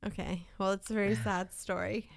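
A woman who works as a preschool teacher, reading a children's picture book aloud in an animated, unhurried storytelling way. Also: mid-range voice, vocal fry, no echo, clean studio sound.

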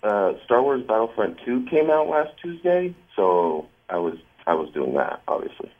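A man's voice: lowish voice, big pitch swings, moderate pace. A man on a phone call to a radio show who sounds hesitant and sheepish, stammering as he explains himself. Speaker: caller. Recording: phone line.

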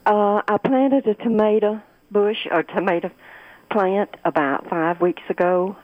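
A woman calling in to a radio show over the phone, hesitant and pausing as she asks her question. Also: mid-range voice, fairly even intonation. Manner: hesitant, with many pauses and fillers. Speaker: caller. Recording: muffled phone line on radio.

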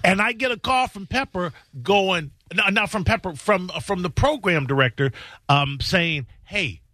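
A man's voice: sits high, normal speed, sharp tone, no room sound, clean studio sound. A man in casual, bantering radio talk, telling stories in colloquial speech and repeating phrases for emphasis. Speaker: radio show host.

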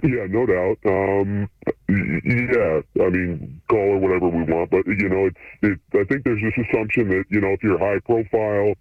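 A man speaking through a voice changer that shifts his voice deep, chatting in a laid-back, hesitant way as an anonymous radio guest. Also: steady tone, moderate pace, no room sound. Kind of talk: casual chat. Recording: phone-like line through a voice changer.

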